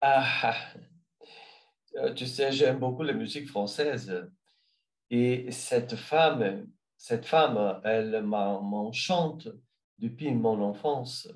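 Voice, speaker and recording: Speaking French as a learner, a man from Brazil with a Brazilian Portuguese accent responds to interview questions at a slow, hesitant pace, hunting for words. His voice sits at a medium pitch.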